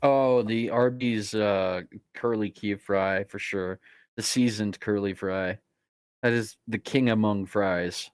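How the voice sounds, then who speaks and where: Casual low-voiced man joking through a game. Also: fairly even intonation, slow pace, smooth, dry recording, studio quality. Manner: jokey, profane, playful. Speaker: player in a tabletop role-playing game. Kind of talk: casual improvised tabletop game chat.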